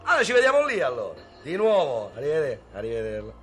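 A sneering, bullying prosecutor. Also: male voice, mid-range voice, huge pitch swings, fast, a bit bright. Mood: fawning. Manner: sneering, bullying, mock-polite on the phone. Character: sarcastic, overbearing male public prosecutor. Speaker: prosecutor interrogating a suspect. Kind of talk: film drama dialogue. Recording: film soundtrack with music underneath.

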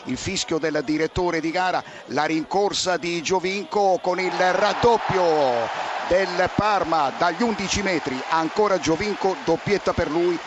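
A man's voice: high voice, measured pace, highs cut off. A man giving live football commentary on radio, calling goals in a breathless, urgent Italian style. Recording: noisy stadium commentary feed.

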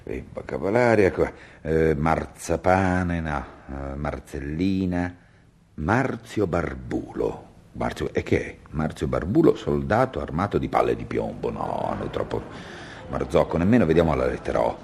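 An exasperated husband. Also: male voice, very deep voice, a little slow, creaky, husky, full character voice. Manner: stammering, forced calm bursting into shouts. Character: husband straining to stay calm, exasperated. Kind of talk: comic radio sketch acting.

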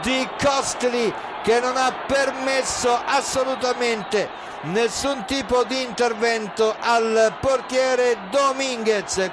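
A man giving live football goal commentary in a breathless, excited, shouting manner. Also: extremely high pitch. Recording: very loud crowd noise behind. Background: roaring stadium crowd.

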